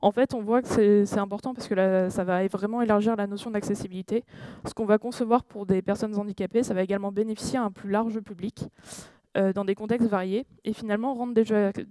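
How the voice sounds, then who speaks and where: This conference speaker has a mid-range, dark, steady voice and a quick pace, captured in a dry recording from a conference room. Her talk is hesitant, peppered with fillers and self-corrections. She engages the room by asking questions to check in.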